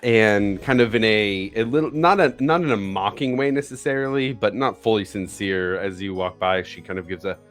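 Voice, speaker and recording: A man running a tabletop game as game master, narrating haltingly as he searches for words. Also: fairly low pitch.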